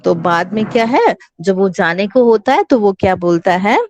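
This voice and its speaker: A woman's voice: medium pitch, expressive, darkish tone, dry recording. A woman with an Indian accent teaching an online English lesson to children, patiently mixing Hindi and English and spelling out words letter by letter. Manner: slow, patient, addresses children as beta. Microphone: online class microphone.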